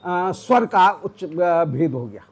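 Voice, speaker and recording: A man's voice: high-pitched, lively intonation, slow pace, breathy edge, rough recording. A man giving a devotional scripture discourse, explaining Vedic pronunciation step by step. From South India roots. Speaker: religious teacher.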